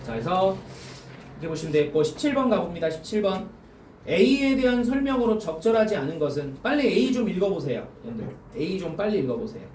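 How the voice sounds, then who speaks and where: A male high school teacher lecturing a classroom through exam questions, constantly quizzing students and repeating key phrases. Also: very animated, a little fast, darkish tone, a little hiss or hum. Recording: echoey classroom heard from a distance.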